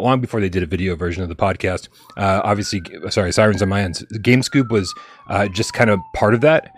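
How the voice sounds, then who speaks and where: Low-voiced laid-back male stream host. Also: no echo, clean studio sound. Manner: laid-back, jokey, stumbles and restarts. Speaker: podcast host. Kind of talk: casual live-stream chat.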